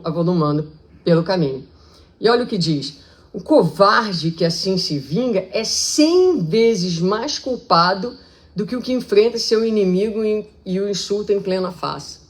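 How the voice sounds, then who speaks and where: A woman with a Brazilian accent giving a public spiritist lecture in a conversational way, acting out quoted speech with lively shifts. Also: mid-range voice. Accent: Brazilian Portuguese.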